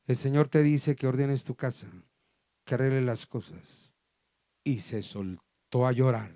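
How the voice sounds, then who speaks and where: A man with a Colombian accent, a pastor preaching a testimony, storytelling dramatically with sudden loud and soft turns. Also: medium pitch, a little slow, no room sound, clean studio sound. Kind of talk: sermon testimony. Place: church hall.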